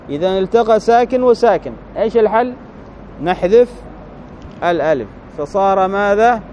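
Guy with a high voice going through grammar real slow, dull lo-fi sound, faint traffic behind. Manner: slow, deliberate, keeps asking the listener "right?" to check understanding. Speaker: teacher. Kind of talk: Arabic grammar lesson, explaining a text. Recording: dull lo-fi recording.

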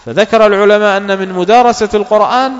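A man teaching Quran recitation in a slow, deliberate religious lesson, stressing each letter as he corrects pronunciation. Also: high voice, steady tone. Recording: dull lo-fi sound with long reverb and hum.

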